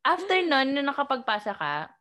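A woman interviewing a guest in a casual chat, asking quick follow-up questions and giving short backchannels. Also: high voice, sing-song, sharp tone.

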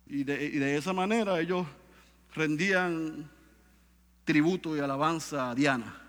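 A man preaching a sermon with great drama, dropping low and quiet and then rising to loud, high cries. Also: unhurried, long reverb tail. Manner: swings from hushed to shouting, dramatic.

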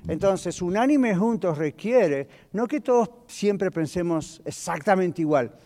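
A man's voice: sits high, lively intonation, a little slow, dark tone. A male pastor teaching a Bible lesson in a conversational way, putting questions to his congregation. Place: church hall. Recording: long church hall reverb.

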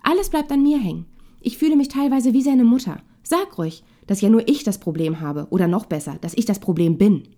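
A woman's voice: mid-range voice, fairly quick, lightly acted. A woman voicing an angry, tearful young mother who speaks sharply with a rising, breaking voice. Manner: sharp, raised voice breaking into tears.

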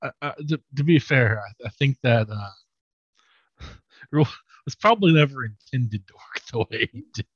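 A man's voice: medium pitch, measured pace, no room sound. A man co-hosting a gaming podcast, chiming in with hesitant, stammering starts. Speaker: podcast co-host. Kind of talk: casual gaming chat. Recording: dull, dry lo-fi mic.

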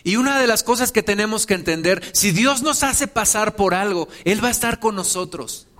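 A man preaching a sermon, swelling to emphatic pleas and dropping to hushed, slow lines. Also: high-pitched, lively intonation. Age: 40s.

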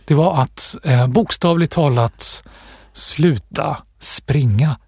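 Breathy man, thoughtful guest. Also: on the high side, no room sound, studio quality. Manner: thoughtful, pausing, with restarts and fillers. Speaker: author, guest. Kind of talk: reflective interview talk.

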